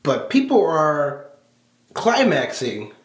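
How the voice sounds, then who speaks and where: A man's voice: fairly high pitch, big pitch swings, slow. A man co-hosting a casual anime chat, enthusiastic and gushing, laughing often. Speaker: co-host of an anime review show. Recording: roomy echo.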